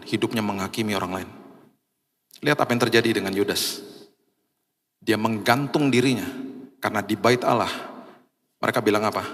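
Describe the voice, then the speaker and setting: A man preaching a sermon as pastor, telling a story and acting out the people in it. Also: fairly bright tone. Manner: storytelling, acts out quoted voices with big pitch jumps. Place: large church hall. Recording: long hall reverb.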